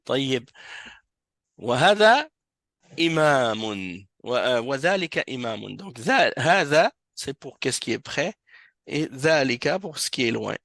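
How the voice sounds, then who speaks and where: Male Arabic teacher, patient and repetitive, gravelly tone in a dry room. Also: mid-range voice, sing-song, moderate pace, fairly bright tone, dry recording. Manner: patient, repeats and corrects students, mixes French and Arabic. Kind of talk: classroom lesson explaining Arabic in French. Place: mosque classroom.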